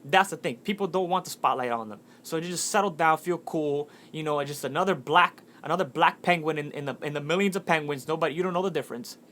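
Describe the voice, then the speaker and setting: A man's voice: fairly high pitch, quick pace, few pauses, slight background noise. Earnest young man giving a pep talk. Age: 20s. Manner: earnest, animated storytelling with frequent restarts. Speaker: motivational speaker. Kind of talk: casual motivational monologue.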